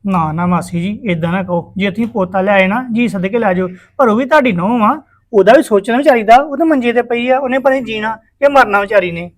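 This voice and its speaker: A man's voice: high-pitched, fairly even intonation, fairly quick, few pauses, natural voice. An actor playing a worried, easily swayed married village man in a family drama, hesitant and deferential. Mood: pleading. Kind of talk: acted family drama dialogue.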